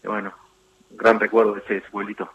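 A middle-aged Argentine man speaks over a thin, tinny phone line. His voice sits low, and he talks in a halting way, filling the gaps with hesitations and restarts, like a guest calling in to a radio show. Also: completely flat delivery, a little hiss or hum. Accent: Argentine Spanish. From Argentina, Chubut. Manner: halting, many fillers and restarts. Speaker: guest, former footballer turned coach.

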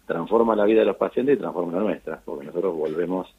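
A middle-aged Argentine man, an eye surgeon, telling stories in a relaxed interview, with lots of fillers and restarts. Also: sits low, quick pace, slightly rough. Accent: Argentine Spanish. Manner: animated storytelling with frequent fillers and restarts. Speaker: eye surgeon on charity missions. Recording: tinny phone-line sound.

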